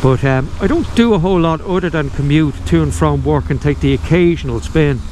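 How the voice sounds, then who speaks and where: Riding a motorbike outdoors in the rain, an Irish-accented motorcycle vlogger chats in a wry, rambling way. His voice is fairly high and a little fast, with constant road, engine and traffic noise behind him.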